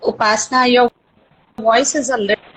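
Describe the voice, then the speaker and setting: A woman's voice: a little high, steady tone, normal speed, fairly bright tone. A woman dentist speaking as a guest over a video call whose audio keeps breaking up and dropping out. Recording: muffled lo-fi call line with faint noise.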